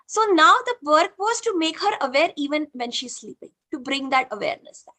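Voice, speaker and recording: A high-pitched, slightly fast-talking woman with an Indian accent guides a spiritual session on a video call. Animated, she relates a participant's story in mixed English and Hindi, full of "you know" fillers.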